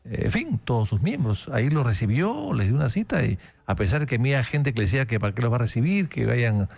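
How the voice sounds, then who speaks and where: A man's voice: medium pitch, very animated, quick pace, creaky, darkish tone. A man hosting a radio political interview, telling anecdotes with many "eh" fillers. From Peru. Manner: conversational anecdotes, frequent fillers. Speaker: radio host.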